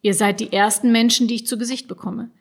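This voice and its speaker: A woman's voice: on the high side, steady tone, fast talker, husky. A woman voicing a grumpy male forest kobold over a hundred years old, indignant and lecturing, in a storybook reading. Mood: explaining.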